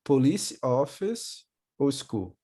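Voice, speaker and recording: Patient Brazilian teacher, mellow voice. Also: male voice, mid-range voice, very animated. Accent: Brazilian Portuguese. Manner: patient, repeats words slowly for pronunciation. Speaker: English teacher. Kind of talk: online class for children.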